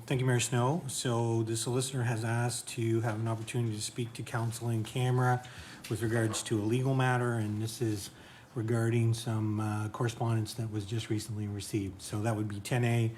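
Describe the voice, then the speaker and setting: Town admin guy, flat monotone, kinda hesitant, faint hum behind. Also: mid-range voice, moderate pace. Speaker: chief administrative officer. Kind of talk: meeting report.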